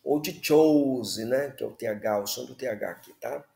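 A man's voice: mid-range voice, moderate pace, creaky, mellow, echoey room. A man teaching the Hebrew alphabet, patiently repeating words and checking in with listeners. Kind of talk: slow classroom explanation.

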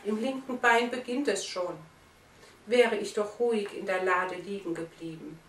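A woman's voice: mid-range voice, unhurried, a little hiss or hum, pitched above the performer's own voice, close to an everyday voice. A woman voicing a grumpy, self-pitying old male iron nutcracker in a storybook reading. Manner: grumbling, self-pitying lament. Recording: roomy, distant mic.

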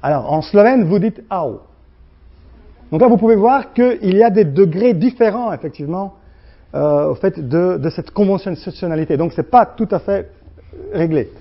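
A man with a Slavic accent, a native Slovene speaker, giving a university lecture in a halting way, full of restarts and fillers, acting out the sounds he discusses. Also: high voice, expressive, muffled recording. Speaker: guest lecturer.

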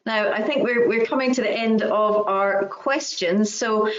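A middle-aged woman hosts an online panel, encouraging her guests and thanking them warmly. Her voice sits at a middling pitch and comes through a laptop webcam in a roomy, echoing space. The call audio is dull and lo-fi. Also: unhurried, slight background noise. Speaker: host. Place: home room. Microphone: laptop webcam video call. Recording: echoey lo-fi video call audio.

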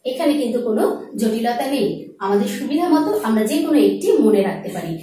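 A woman's voice: on the high side, expressive, quick pace, mellow, recorded from a distance. A woman teacher gives a board lesson, explaining step by step and asking and answering her own questions. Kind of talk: board lesson on Bengali pronunciation. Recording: echoey room, voice from off the mic.

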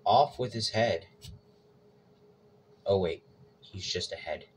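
A man with a fairly low voice hosts a casual cooking vlog. He keeps up joking, self-mocking asides as he works. Loud noise runs under the whole recording. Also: slow pace. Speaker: cooking vlogger.

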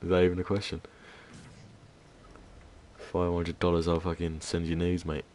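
A man streaming a game, bantering with viewers in a hushed voice and swearing freely. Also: low-pitched, completely flat delivery, normal speed, slight background noise. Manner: laid-back banter, heavy swearing; keeps voice down, hushed. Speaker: gaming streamer. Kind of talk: casual live-stream commentary.

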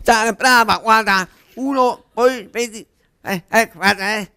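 A woman in a cabaret sketch, talking in a slow, repetitive, coaxing way. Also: on the high side, pushed and bright, smooth.

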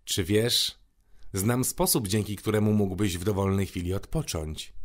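A man voicing a curious, gentle little boy prince who asks eager questions. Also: on the low side, measured pace, close to an everyday voice.

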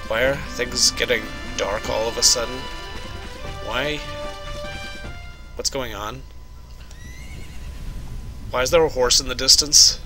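A man's voice: mid-range voice, fairly even intonation, slow pace, long pauses, rough recording. A man hosting a let's play with casual, wry and sarcastic commentary. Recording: loud game music and rain behind.

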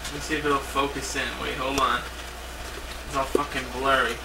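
A man's voice: mid-range voice, little pitch movement, normal speed. A man filming at home and heckling with irritable, mocking swearing, captured on an old VHS home video. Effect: old VHS home video tape. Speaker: camera operator. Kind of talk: casual heckling while filming. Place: home, indoors. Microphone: camcorder mic. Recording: hissy, roomy old VHS tape, mic far off.

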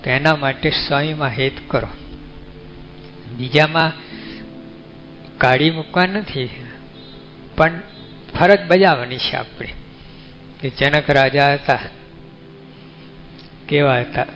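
A man's voice: fairly high pitch, slow pace, pauses often, fairly bright tone. A man with a Gujarati accent, giving a folksy, conversational sermon as a monk, often asking his listeners questions. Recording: dull lo-fi recording with faint music.

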